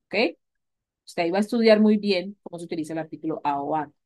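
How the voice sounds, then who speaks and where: A woman's voice: on the low side, fast talker, darkish tone. A woman teaching an English grammar lesson to a class, explaining patiently and checking in with her students often. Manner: patient, repeats key points, asks "¿vale?" often. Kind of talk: recorded class lecture.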